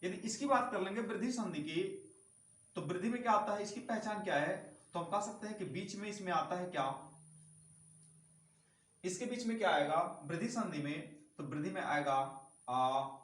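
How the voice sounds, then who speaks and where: A male teacher with a high voice talks through a grammar lesson in a clearly echoing room. He stands off from the mic, so he sounds distant. He goes step by step, repeats the key sounds and keeps asking rhetorical questions. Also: normal speed.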